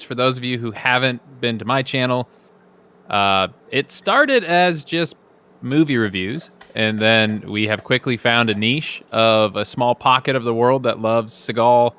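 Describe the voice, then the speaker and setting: A young adult man, a guest on a casual live chat, telling his story in a relaxed, easygoing way. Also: medium pitch, clean tone.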